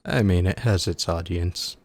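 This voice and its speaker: A man co-hosting a casual podcast, chatting about video games and telling stories with lively acted-out quotes. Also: sits low, unhurried. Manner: chatty, animated storyteller who acts out quotes. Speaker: podcast co-host.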